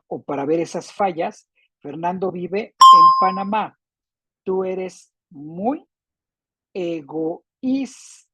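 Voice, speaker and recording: A woman teaching a class on spelling rules, speaking slowly and deliberately and repeating words with different stresses. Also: fairly low pitch, background noise.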